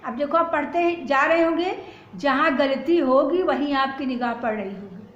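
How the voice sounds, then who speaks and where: A woman teaching a grammar lesson for exam preparation, saying each sentence slowly and then repeating it in its corrected form. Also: high voice. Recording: slightly dull, roomy lo-fi recording.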